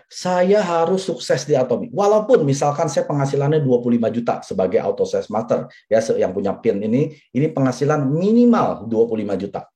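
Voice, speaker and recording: With a warm tone and medium pitch, a man in his forties makes his persuasive case at a seminar. As a business presenter, he addresses listeners directly and returns to his main points again and again.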